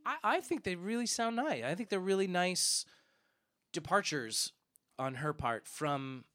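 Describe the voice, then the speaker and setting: A man's voice: high voice, expressive, a little slow, bright, forceful tone, dry recording, clean studio sound. A man co-hosting a podcast about an album, talking it through thoughtfully and often restarting his sentences. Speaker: podcast co-host. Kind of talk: casual music discussion.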